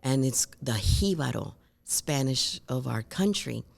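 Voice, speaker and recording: A woman from Rico, a guest telling lively stories in an interview and acting out other people's voices. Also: rumbling low, measured pace, vocal fry. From Puerto Rico. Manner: animated, acts out voices and accents in stories. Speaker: guest speaker. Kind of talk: conversational interview storytelling.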